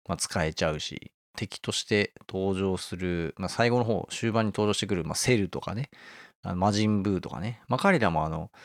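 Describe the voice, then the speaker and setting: A man's voice: sits low, no echo, clean studio sound. A man hosting a casual talk, explaining a favourite manga and often chuckling as he goes. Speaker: host.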